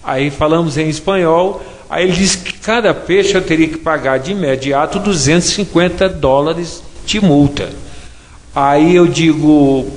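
A man's voice: a little high, unhurried. A man from Brazil with a Brazilian Portuguese accent, telling a story in casual chat and often adding tag questions. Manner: chatty, frequent tag questions. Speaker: interviewee. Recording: echoey hall with faint ambience.

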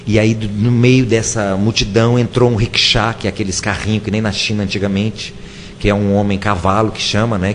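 Man, personal storytelling, halting, repetitive, long reverb, faint background. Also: on the low side, a little hiss or hum. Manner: emotional, halting, repeats himself. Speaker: guest telling his story.

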